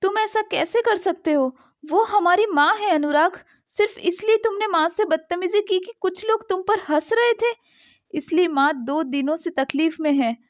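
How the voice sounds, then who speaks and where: A woman's voice: high voice, moderate pace, no echo, close to an everyday voice. A woman voicing a caring young wife who is emotional and concerned for her family. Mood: shocked. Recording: dull dry lo-fi sound.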